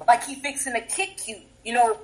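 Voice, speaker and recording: High-voiced woman giving emphatic advice. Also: lively intonation, brisk, faint music behind, low-quality recording. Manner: emphatic, instructive, acts out quotes. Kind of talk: casual group discussion.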